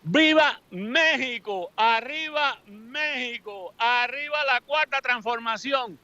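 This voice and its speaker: Un hombre cubano con acento cubano, entrevistado en la calle, habla con fervor y sin filtro, soltando groserías. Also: male voice, extremely high pitch, slow pace, pushed and bright. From Cuba. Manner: fervent, blunt, cursing freely. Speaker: supporter interviewed on the street. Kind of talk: street interview. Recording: dull lo-fi dry sound.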